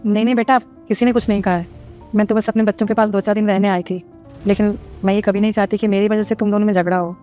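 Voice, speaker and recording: A woman's voice: mid-range voice, level tone, fast talker, warm tone, soft background music, close to an everyday voice. A woman playing a fussy, easily offended mother-in-law in a family drama, complaining and indignant. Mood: resigned. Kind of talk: Hindi family drama acting.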